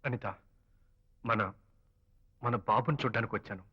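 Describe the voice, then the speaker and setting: A man's voice: mid-range voice, moderate pace, husky, lightly acted. An actor playing a remorseful estranged husband and father who speaks in a subdued, pleading way. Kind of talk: emotional film dialogue. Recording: dull film audio with music.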